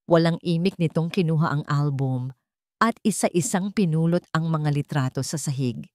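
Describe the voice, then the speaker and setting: A woman with a Filipino accent narrates a scripted story dramatically in a low, darkish voice at normal speed. The recording is dry and studio quality.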